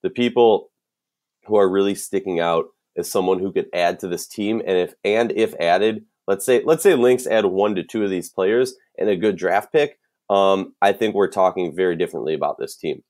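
A man's voice: low-pitched, normal speed, darkish tone. A man with a Minnesotan accent co-hosting a casual sports podcast, thinking aloud with lots of restarts and fillers. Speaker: podcast co-host.

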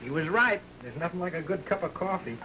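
A man's voice: high-pitched, lively intonation, brisk, sharp tone, rough recording. An actor playing an easygoing, sweet-talking young working-class American man in an early talkie. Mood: agreeable. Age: young adult. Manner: easygoing, slangy. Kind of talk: early talkie film acting. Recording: hissy old film soundtrack.

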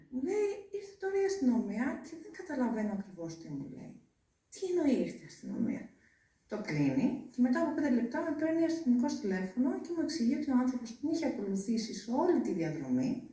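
Mother recounting ordeal, echoey and distant. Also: mellow. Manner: tense retelling with shifting pitch and hesitations. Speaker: interviewed mother. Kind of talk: emotional recounting interview.

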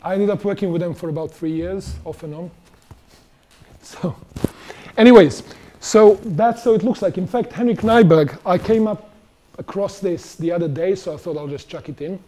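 In a large auditorium, a middle-aged conference speaker talks from the stage in a conversational way and asks the audience questions. He has a high-pitched, mellow voice and speaks at normal speed.

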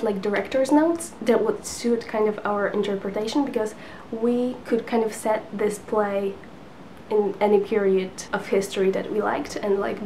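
A Polish-native woman in her twenties chats to the camera for her book vlog from an indoor living room couch beside a lamp, the camera set in front at sitting distance. She fills her talk with fillers and little laughs in a warm, medium-pitched voice. The audio is poor, with slight background noise.

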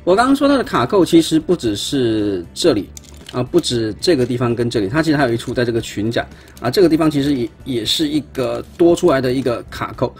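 A man's voice: medium pitch, lively intonation, fast talker, soft background music. Chatty man demonstrating a toy. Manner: chatty, hesitant, stumbles and repeats words while handling parts. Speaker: toy reviewer. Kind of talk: casual unboxing demonstration. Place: indoors at a tabletop.

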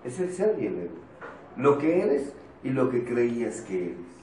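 A man's voice: medium pitch, sing-song, measured pace, dark tone. A man with a Mexican accent giving an informal, joking motivational talk to a support group, speaking bluntly and swearing casually. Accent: Mexican Spanish. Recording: roomy, distant mic, faint noise.

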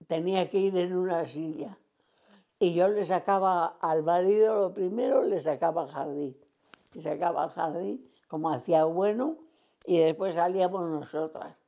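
A woman over a hundred years old from Cantabria, Spain, rambles through her memories in an oral history interview, acting out remembered dialogue. Her voice is warm and fairly low.

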